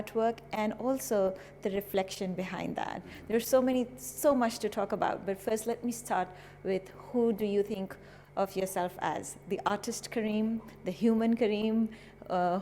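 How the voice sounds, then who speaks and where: This TV show host speaks in a mellow, mid-range voice, eagerly asking her interview questions with some "uh" and "um" fillers mixed in. There's slight background noise, and the space sounds like a reverberant hall with a faint ambient hum.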